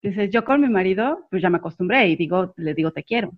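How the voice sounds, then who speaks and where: A woman's voice: medium pitch, fast talker, muffled recording, background noise. A woman sharing personal anecdotes in a casual group chat, telling them expressively with frequent laughter. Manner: expressive storyteller, laughs often. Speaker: guest sharing her experience.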